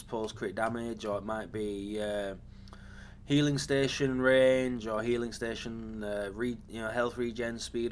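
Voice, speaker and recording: A man hosting a gaming channel talks casually through his game build, rambling with frequent ums and self-corrections. His mid-range voice is slightly raspy from a lingering cough, and there is a little hiss or hum.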